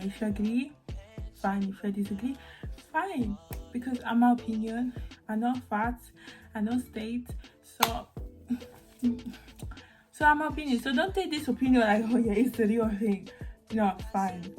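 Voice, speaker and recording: A woman's voice: medium pitch, a little mellow, poor audio. A young woman from Italy in a casual opinion vlog, chatty and rambling with many restarts. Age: young adult. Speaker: vlogger. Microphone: phone mic.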